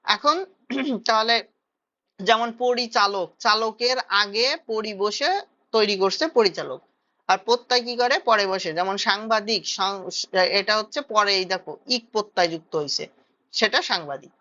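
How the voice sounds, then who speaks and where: A woman's voice: mid-range voice, normal speed, bright, forceful tone, highs cut off. A woman teaching a grammar lesson for exam preparation, explaining step by step and checking that students follow.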